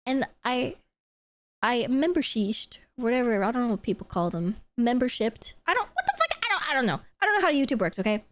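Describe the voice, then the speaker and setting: Bubbly high-voiced woman streamer. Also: fairly quick, dry recording. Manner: excitable and gushing, squealing laughs, swears freely. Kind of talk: casual chat.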